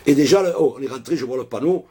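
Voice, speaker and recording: A man's voice: medium pitch, very fast, dark tone, slightly rough. A man with a Marseille accent telling a long joke in a loose, colloquial way, full of little fillers. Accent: Marseille French. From Marseille, France. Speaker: joke teller. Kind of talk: casual joke storytelling.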